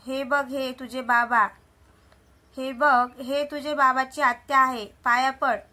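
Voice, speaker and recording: A woman's voice: high voice, little pitch movement, slow pace, sharp tone, exaggerated voice. A woman voicing an anxious, pleading middle-aged mother in a storybook tale.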